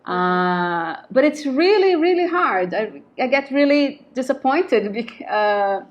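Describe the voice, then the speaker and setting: A woman's voice: high-pitched, expressive, slow pace, muffled recording. A woman from Brazil with a Brazilian Portuguese accent, interviewing a guest and often affirming what she says. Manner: affirming, frequent backchannels. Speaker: interviewer, English teacher. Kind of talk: casual interview.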